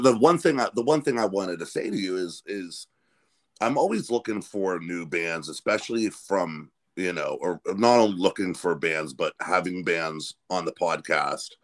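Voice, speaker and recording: Deep-voiced rambling man, podcast host. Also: animated, normal speed. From Pennsylvania. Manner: rambling, many restarts and "like". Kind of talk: casual chat.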